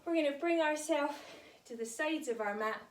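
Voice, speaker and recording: A woman's voice: high-pitched, moderate pace, slight background noise. A woman pilates instructor guiding a workout, encouraging and counting reps while she exercises along, audibly out of breath. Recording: echoey room, voice from a distance.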